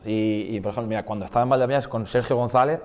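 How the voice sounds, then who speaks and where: With a mid-range voice and rapid-fire delivery, a footballer in his twenties talks casually as an interview guest in a large hall. He's from Portugal, was raised in the Basque Country, and speaks Spanish with a slight Basque accent, relaxed but full of restarts and fillers.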